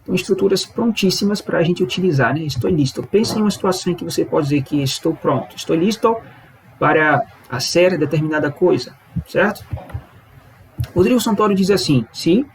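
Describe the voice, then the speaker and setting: A man with a somewhat high voice leads a language lesson. He explains each point patiently, step by step, and keeps checking that the listener follows. A faint hiss sits behind his voice. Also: brisk, poor audio. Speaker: language teacher.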